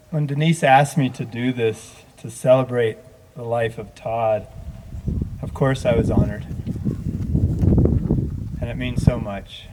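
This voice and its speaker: A man, a multi-faith minister, speaking gently and from the heart at a memorial service, telling a story and leading a prayer. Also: medium pitch, heavy background noise.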